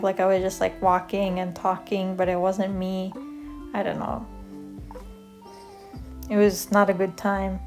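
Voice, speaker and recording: Young woman from Canada, soft-spoken, rambling, self-deprecating, casual storytelling, faint music behind. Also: mid-range voice. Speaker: vlogger. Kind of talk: casual storytelling over drawing.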